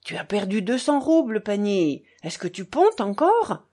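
A woman reading a novel aloud, voicing a haughty gentleman gambler who talks stiffly in halting, broken phrases. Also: medium pitch, big pitch swings.

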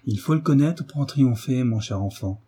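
A man voicing an eager impatient young man, husky dark voice, audiobook. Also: medium pitch, expressive, normal speed.

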